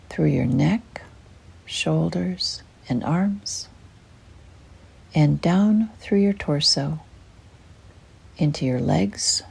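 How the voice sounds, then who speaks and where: Deep-voiced and husky, an older woman narrates a guided meditation. Her delivery is soft, breathy, gentle and soothing, never rushed.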